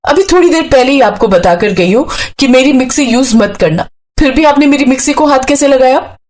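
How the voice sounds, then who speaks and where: A woman's voice: mid-range voice, fairly quick, darkish tone, lightly acted. A woman voicing a hot-tempered, spoiled young woman who scolds shrilly. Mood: angry.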